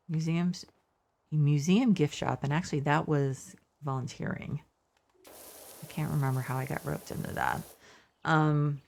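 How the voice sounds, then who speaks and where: A woman's voice: deep voice, gravelly, a little mellow, slight background noise. A middle-aged woman streaming a game, telling a meandering, self-correcting story with asides about what she is playing. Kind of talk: casual storytelling while gaming.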